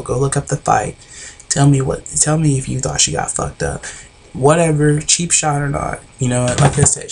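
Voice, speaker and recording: A man's voice: on the high side, creaky, slight background noise. A man giving a blunt, rambling, profane recap of a reality show episode.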